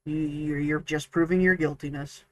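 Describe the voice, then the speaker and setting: A man's voice: a little high, fairly even intonation, moderate pace, fairly bright tone, slight background noise, poor audio. A man co-hosting a tabletop gaming podcast, chatting casually and rambling with many restarts and fillers. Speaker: podcast co-host, dungeon master. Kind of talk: casual chat.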